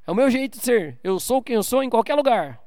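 This man's voice is very high and a bit darkish, with lively intonation and a fairly quick pace, and there's no echo. He's a pastor at a church service, preaching a casual sermon where he jokes with his congregation and calls out for amens.

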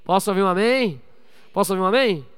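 A man preaching a sermon as pastor, calling on the congregation for amens and swinging between loud exhortation and quiet asides. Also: sits high, expressive, fast talker, clear, resonant tone, in a large hall. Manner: preaching with call-and-response to the congregation.

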